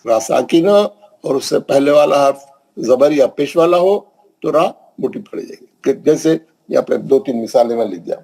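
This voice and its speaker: A man teaching Quran recitation rules, asking questions and answering them, with slow drawn-out recited examples. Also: medium pitch, expressive, gravelly, mellow, rough recording. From Hyderabad, India. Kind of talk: classroom tajweed lesson.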